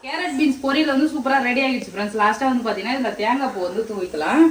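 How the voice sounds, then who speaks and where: A woman's voice: a little high, racing, echoey room, slight background noise. A woman, chatting to viewers as she walks through her home cooking, calling them friends. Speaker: cooking vlogger. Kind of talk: casual cooking walkthrough. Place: home kitchen.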